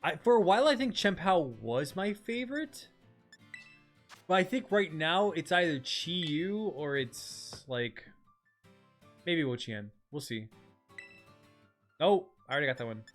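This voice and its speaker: A man livestreaming a game in casual, slangy, excitable chat, often exclaiming and repeating his phrases. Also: a little high, unhurried, pauses often, soft background music. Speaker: game streamer.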